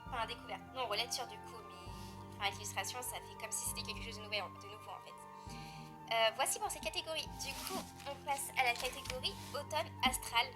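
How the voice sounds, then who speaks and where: A French woman casually chatting about her books as a book vlogger, rambling with fillers and self-corrections. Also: a little high. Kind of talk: casual chat.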